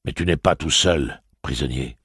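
A man's voice: extremely low pitch, normal speed, a bit bright, husky, no room sound, clean studio sound, exaggerated voice. A man playing a hardened, stern gunslinger who speaks harshly and solemnly.

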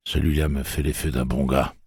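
A man voicing a calm, weathered adult gunslinger who speaks in a knowing way. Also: rumbling low, brisk, slightly rough, no room sound, clean studio sound, full character voice.

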